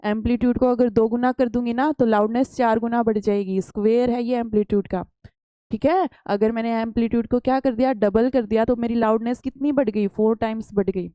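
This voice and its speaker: A woman's voice: a little high, steady tone, a little fast, mellow, no echo. A woman teacher giving a science lesson, explaining patiently and asking the pupils questions, then answering them herself.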